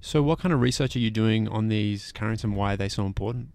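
A man's voice: lowish voice, quick pace, a little mellow, dry recording, clean studio sound. A man asking conversational questions as a radio co-host. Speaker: radio show co-host, interviewer.

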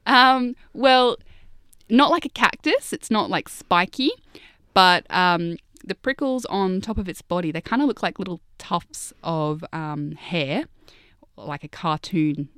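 Young female science guest, clean smooth voice, slightly low, chatty and keen explainer. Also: expressive, slow pace, fairly bright tone, no room sound, clean studio sound. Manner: informal, enthusiastic. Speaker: guest researcher, PhD candidate. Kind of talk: casual interview chat, explaining.

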